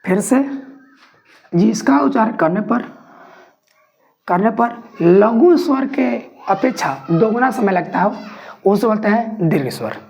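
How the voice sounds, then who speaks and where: Woman teacher, slow dictation, repeats words, mid pitch. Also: lively intonation, a little mellow. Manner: slow, repeats phrases word by word for note-taking. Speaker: Hindi grammar teacher. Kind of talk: dictation-style classroom lesson.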